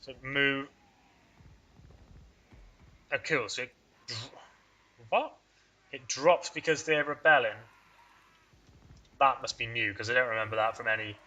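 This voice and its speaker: With a bright, forward voice at an ordinary pitch, a let's play host thinks aloud through his strategy game session in rambling, self-deprecating commentary. His intonation stays fairly even, his pace is measured, and he pauses often.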